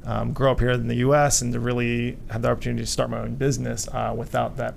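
A man from Vietnam, a company co-founder, answering radio interview questions haltingly with many fillers. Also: medium pitch, little pitch movement, gravelly, a little hiss or hum. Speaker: guest, hotel company co-founder.

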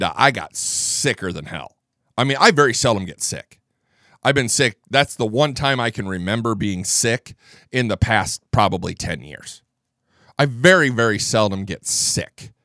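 This is a middle-aged man at medium pitch, hosting a political talk show in a studio with a fairly bright tone and a dry recording from a studio mic. He is under the weather and low on energy. His strong voice grows gravelly when tired as he rambles and stammers, restarting often.

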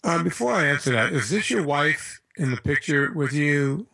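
A man's voice: fairly high pitch, animated, moderate pace, creaky, sharp tone, slightly rough. An American man talking casually and bluntly as an interview guest, handing out informal advice.

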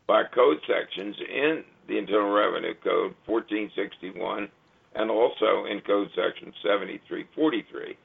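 A man's voice: lowish voice, normal speed. A man explaining his work methodically as a radio interview guest, in a legalistic way, stressing certain words. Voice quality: gravelly, husky. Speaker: guest author. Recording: tinny narrow phone-like line.

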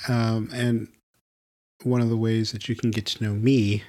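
A man's voice: fairly low pitch, level tone, measured pace, darkish tone. A man hosting a podcast in a playful, jokey way and often laughing. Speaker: podcast host. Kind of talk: casual podcast chat.

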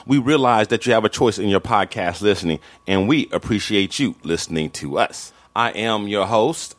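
Low-voiced man hosting a casual podcast. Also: expressive, moderate pace. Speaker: podcast host. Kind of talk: casual chat.

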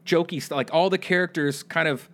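A young man giving his opinion in a casual podcast chat, his voice fairly high for a man. He rambles, restarts his sentences and repeats words as he goes. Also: a little fast, a bit bright. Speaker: podcast co-host.

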